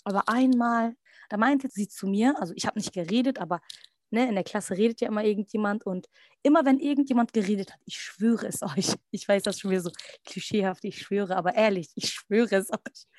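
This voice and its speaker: A young adult woman, a podcast guest, tells a personal story in casual talk, acting out what others said in quick asides. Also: medium pitch, no room sound. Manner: lively, quotes others in little acted asides.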